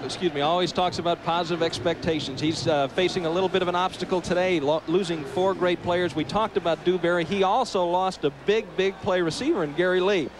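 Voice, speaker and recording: A man's voice: high-pitched, fairly even intonation, fairly quick, few pauses. A man giving analysis in live football commentary. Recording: noisy outdoor stadium broadcast.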